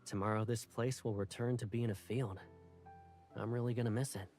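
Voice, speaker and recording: An actor playing a calm, tender young male love interest in a video game, soft-spoken and reassuring. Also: lowish voice, brisk, faint music behind, natural voice.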